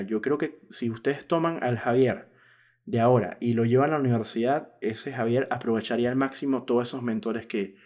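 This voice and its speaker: A man's voice: medium pitch, darkish tone. A man in his thirties hosting a podcast, talking frankly and reflectively in a casual monologue, now and then laughing at himself. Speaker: podcast host.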